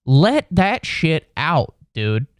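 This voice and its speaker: A comedian podcast host in his late twenties, sick with a cold, delivers a profane, exasperated comedic rant from a room at home into a close, dry mic. He starts slowly, dragging out words in a sing-song, clean-toned voice, then his pitch leaps wildly up and down in sudden high-pitched outbursts as he gets worked up.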